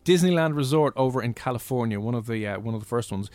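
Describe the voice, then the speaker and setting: An Irish man with a Dublin accent hosting casual radio chat in an animated, jokey, conversational way. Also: mid-range voice, quick pace, no echo, faint music behind. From Ireland. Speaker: radio host.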